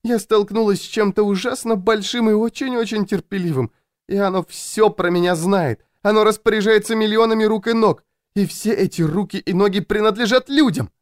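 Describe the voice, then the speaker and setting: A man voicing a frazzled, jumpy woman who feels hunted, speaking in a high, plaintive, complaining tone. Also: fairly quick, no echo, clean studio sound, close to an everyday voice.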